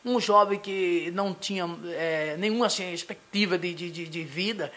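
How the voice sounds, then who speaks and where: In a cramped studio with a logo backdrop behind him, a middle-aged Brazilian pastor answers a local TV interviewer through a handheld mic. The delivery is hesitant, with many fillers, restarts, and tag questions, in a high voice with a sharp tone.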